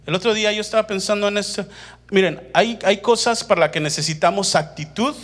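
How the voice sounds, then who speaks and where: A man delivers a testimony sermon. He tells his story animatedly, acting out the dialogue. Then he slows down to drive home his points with deliberate emphasis. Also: high voice, fairly bright tone. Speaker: preacher.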